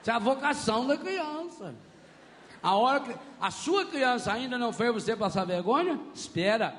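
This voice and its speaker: Brazilian priest giving a sermon, high sharp voice, acts stuff out loud, echoey hall. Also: male voice, moderate pace. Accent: Brazilian Portuguese. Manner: animated, acts out scenes with shouts.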